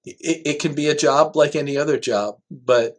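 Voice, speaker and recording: In a podcast interview, a man who works as an air traffic control manager explains things conversationally, using everyday examples. His voice is fairly high-pitched and he talks at a normal speed.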